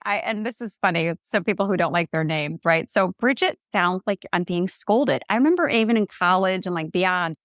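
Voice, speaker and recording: Woman guest, candid and animated, low-ish voice, dry close sound. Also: normal speed, hardly any pauses, no room sound. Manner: animated storyteller, acts out quotes in varied voices; laughs easily, candid. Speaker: guest, coach and speaker. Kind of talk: casual podcast conversation.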